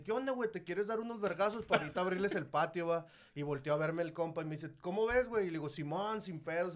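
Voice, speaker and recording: A young Mexican man telling a slangy story in casual chat among friends. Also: high voice. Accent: Mexican Spanish.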